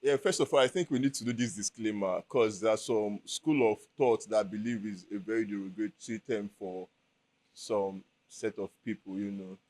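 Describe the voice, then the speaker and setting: A young Nigerian man chatting as an interview guest, relaxed and easygoing, with dry humor. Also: lowish voice, normal speed. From Lagos, Nigeria. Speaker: guest speaker. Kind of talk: casual interview chat.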